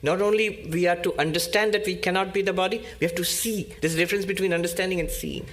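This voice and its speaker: A man giving a spiritual discourse as a monk, teaching slowly and emphatically with pauses and repetition. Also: sits high, steady tone, a bit bright.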